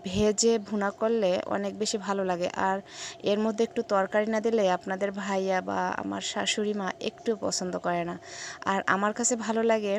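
A woman vlogging casually from her home kitchen, speaking softly and slowly because of a sore, hoarse throat. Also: medium pitch, slight background noise. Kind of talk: casual vlog narration.

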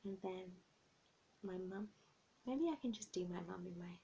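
A young woman talks straight to her viewers in a loose, self-mocking vlog chat. Her voice has a gravelly, fry-tinged edge, and a faint hiss sits under the recording. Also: lowish voice, measured pace, warm tone, rough recording. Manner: self-mocking, giggly, flustered. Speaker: vlogger.

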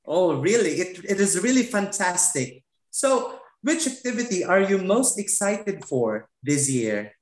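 A woman co-hosting an online show over a video call, asking guests questions in a friendly, halting way with many ums. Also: fairly low pitch, big pitch swings, roomy sound. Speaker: co-host.

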